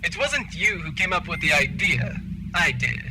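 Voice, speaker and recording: A man playing an impatient, scheming rival space major in a sci-fi comedy audio drama, blustering and easily exasperated, over loud backing sound. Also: on the high side, moderate pace, noisy background, natural voice.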